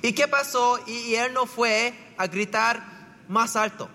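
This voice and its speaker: A man's voice: very high voice, fairly even intonation, a little slow, bright, forceful tone, long reverb tail, a little hiss or hum. A man, a priest, preaching a conversational homily full of rhetorical questions and repeated "¿verdad?".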